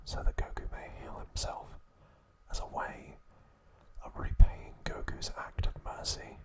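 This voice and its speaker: A man hosts an ASMR recap, narrating in a soft, breathy whisper with a gentle, halting delivery.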